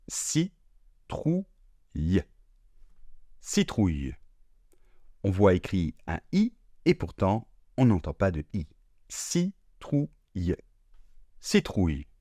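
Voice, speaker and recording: Deep, slow-speaking man teaching pronunciation. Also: darkish tone, no echo, studio quality. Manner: slow and deliberate, drawing out sounds and repeating words. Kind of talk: slow, careful pronunciation lesson.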